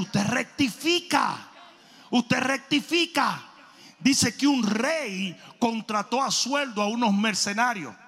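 A man preaching a sermon, telling stories animatedly, shouting for emphasis and repeating phrases. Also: very high-pitched, creaky, slightly rough. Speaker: pastor. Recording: long reverb of a large hall.

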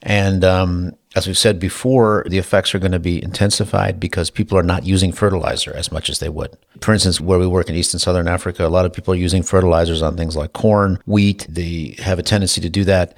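Man, very low voice, gravelly, casual podcast co-host, explanatory, dry humor. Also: steady tone, fast talker, hardly any pauses. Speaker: co-host discussing economics.

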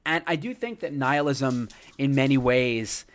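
A man hosting his own podcast, chatting casually and talking fast, with lots of fillers and restarts. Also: mid-range voice, lively intonation. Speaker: podcast host. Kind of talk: casual solo podcast intro.

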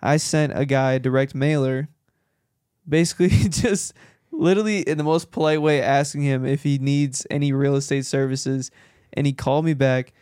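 Smooth-voiced man telling stories on a podcast. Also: medium pitch, moderate pace, dry recording, studio quality. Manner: animated storyteller who acts out quoted dialogue. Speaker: podcast host and real estate agent. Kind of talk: casual podcast chat.

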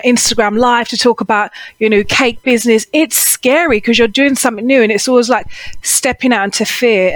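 A woman's voice: on the high side, no room sound. Dry-sounding woman speaking coach. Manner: earnest, steady, explains with examples. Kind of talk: interview answers.

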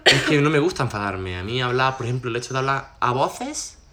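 A man's voice: medium pitch, a little fast, background noise. Laid-back young man chatting. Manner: relaxed, reflective, talks it through with many asides. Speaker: podcast host. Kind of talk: casual chat.

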